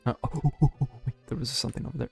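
Speaking rapid-fire in a creaky mid-range voice with a breathy edge, a young man hosts a let's play over faint background music. He chats casually and jokingly about the game, animatedly reading out its lines.

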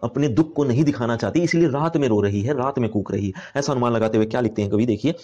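A man's voice: mid-range voice, fast, dark tone, highs cut off. A man teaching a class poem, reading each verse aloud and then explaining it in simple words, with many fillers. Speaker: Hindi teacher.

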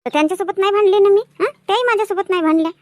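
A woman playing a sharp-tongued village woman who quarrels and talks back fast in a comedy sketch. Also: very high voice, no room sound, clean studio sound. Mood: quarrelling. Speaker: sketch actress.

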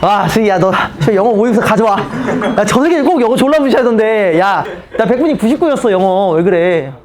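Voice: medium pitch, expressive, fairly quick. Blunt, teasing math teacher in class. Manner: blunt, teasing banter with students. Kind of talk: casual classroom lecture.

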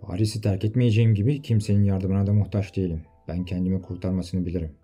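A man's voice: low voice, steady tone, quick pace, dark tone, breathy edge, soft background music. A man voicing a proud, self-assured young knight who refuses help. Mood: defiant.

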